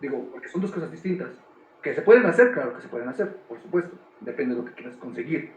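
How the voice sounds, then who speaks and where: A man's voice: medium pitch, animated, fast talker, dull audio. A man, a theater director, explaining his work thoughtfully with frequent restarts. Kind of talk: explaining in a talk. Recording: echoey room.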